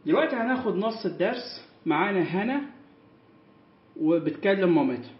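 A high-pitched man with an Egyptian Arabic accent walks children through an English lesson. He stretches out each English word carefully, then rushes through the explanation. The recording is echoey and slightly muffled. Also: lively intonation. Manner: reads English words slowly and clearly, then explains them quickly. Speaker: English teacher.

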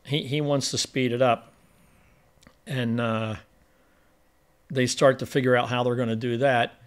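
A man's voice: medium pitch, steady tone, unhurried, clean tone. Rambling man recapping a movie plot. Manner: rambling plot retelling with frequent restarts. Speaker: film review podcast co-host. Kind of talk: casual film review chat.

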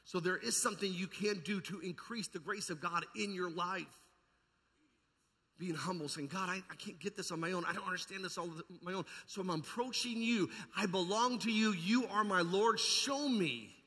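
A pastor with a high-pitched, bright, husky voice preaches a fervent charismatic sermon at a moderate pace, his tone forceful and emphatic. He repeats phrases and puts rhetorical questions to the congregation in a large indoor church hall, where the amplified sound carries a long reverb.

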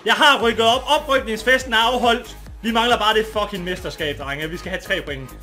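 A man streaming a football video game with a Danish accent, commenting live and getting excited, shouting and swearing often. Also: high-pitched, soft background music. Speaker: gaming streamer.

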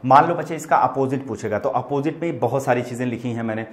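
A man's voice: medium pitch, fast talker. A man with an Indian accent teaching an online vocabulary lesson, explaining word meanings patiently, addressing students as children and spelling words out letter by letter. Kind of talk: online exam-prep lesson.

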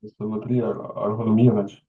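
A man's voice: on the low side, flat delivery, brisk, breathy edge. Man answering over tinny call audio. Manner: short one-word answers. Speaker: student.

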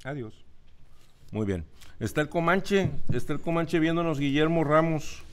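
A man's voice: fairly high pitch, lively intonation, measured pace, clean tone. A man hosting a radio show, joking and teasing his co-host in casual banter.

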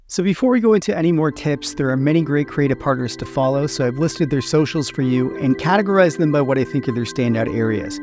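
A man hosting a tutorial, explaining things step by step in a steady way. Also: fairly high pitch, fast talker, hardly any pauses, music in the background. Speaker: tutorial host.

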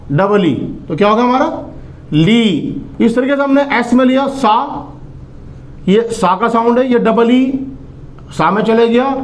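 Lively high-voiced man teaching phonics. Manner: explains patiently, repeats words and asks the class. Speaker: English teacher. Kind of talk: phonics lesson at a board.

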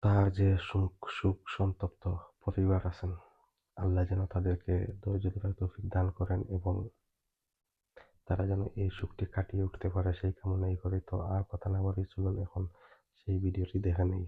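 Reaction host, male, low flat delivery, hesitant and grave, thin tinny sound. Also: husky. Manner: slow, grave and hesitant, with many fillers. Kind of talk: solemn reaction commentary.

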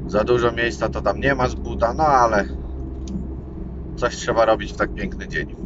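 A man in his thirties, a fishing vlogger chatting casually as he drives. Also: moderate pace. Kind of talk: casual vlog chat while driving. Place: inside a moving car. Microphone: camera mounted on dashboard. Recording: muffled, loud car rumble and hum.

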